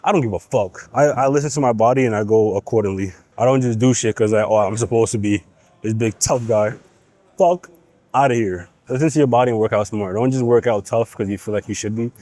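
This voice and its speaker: This is casual gym vlog talk from a young man who has a cold, his nasal voice lowish, brisk and warm as he bluntly pep-talks the camera between sets, swearing along the way. There's no room sound.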